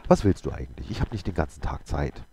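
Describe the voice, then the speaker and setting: A man's voice: a bass voice, big pitch swings, fast talker, warm tone, a little hiss or hum, heavily acted. A man voicing a scrawny, testy male holy man in a read-aloud story, in a raised, peevish voice.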